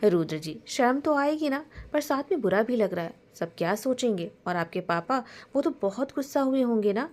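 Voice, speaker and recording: A woman's voice: a little high, expressive, normal speed, few pauses, darkish tone, voice pushed up, natural voice. A woman voicing a shy, polite young woman in love in a romance story, speaking earnestly.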